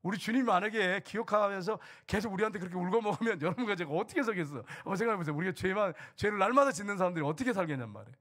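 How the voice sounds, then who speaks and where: A man's voice: high voice, expressive, rapid-fire, hardly any pauses, a bit bright. A middle-aged male pastor giving a sermon in a church, conversational and questioning, acting out quoted voices. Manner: conversational preaching, asks the congregation questions, voices quoted speech. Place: church sanctuary pulpit.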